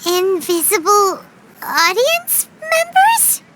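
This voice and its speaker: A squeaky, childlike little floating creature who is chatty and easily spooked, with a very high voice. She speaks with drawn-out, unhurried timing, and her pitch leaps up and down. This is game companion dialogue. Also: sing-song, loud music behind the voice, exaggerated voice. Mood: puzzled. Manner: wide-eyed, exclamatory.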